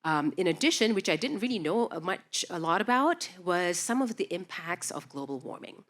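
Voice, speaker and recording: A fairly low-pitched, expressive voice at a moderate pace comes from a woman introducing a panel as its moderator at a festival. Speaking into a stage mic, she lists facts in an upbeat way, using lots of fillers. She was born in Indonesia and grew up in Singapore.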